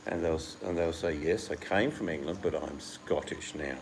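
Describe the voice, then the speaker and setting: A man's voice: a bass voice, normal speed, background noise. A man from the United Kingdom chatting casually and rambling as host, acting out the voices he quotes. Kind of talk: casual chat.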